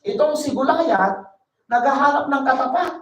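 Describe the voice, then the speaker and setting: High-voiced woman preaching in an echoey hall. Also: animated, lo-fi sound. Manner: reads verses slowly, then explains them conversationally. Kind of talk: Bible study sermon. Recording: echoey room, voice from a distance.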